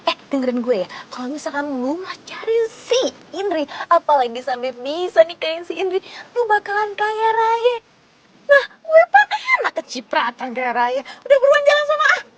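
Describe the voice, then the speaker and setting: A woman's voice: very high voice, very animated, moderate pace, fairly bright tone, exaggerated voice. A woman playing a bossy, whiny, money-hungry schemer with a Jakarta accent in a TV comedy-drama. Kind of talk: scripted TV comedy-drama acting.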